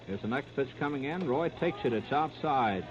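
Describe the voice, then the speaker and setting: Heard on a very noisy, muffled 1939 radio disc, an American man gives 1930s radio sports commentary on baseball. His mid-range voice is expressive and moderately paced as he calls the action in clipped running description.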